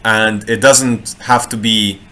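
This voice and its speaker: This lowish, bright, forceful voice belongs to a man from Croatia, a street artist and human design reader. Speaking slowly with fairly even intonation, he chats live from a home room in Sweden, wandering through the topic of human design with frequent word restarts and playful side comments.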